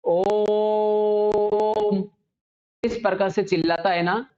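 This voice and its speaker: A teacher giving a classroom grammar lecture, asking the class questions and then answering them, and repeating each definition slowly several times. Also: medium pitch, darkish tone, dull audio.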